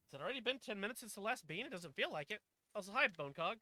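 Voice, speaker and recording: Animated, bright-voiced game streamer. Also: medium pitch, a little fast, a little hiss or hum. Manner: animated, stumbles over read lines and swears in exasperation. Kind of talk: reading a courtroom video game aloud in character voices, with swearing asides.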